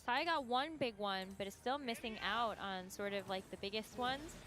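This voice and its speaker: A woman's voice: a little high, moderate pace, a bit bright, soft background music. A woman doing live esports commentary, thoughtfully weighing the players' choices. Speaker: esports caster.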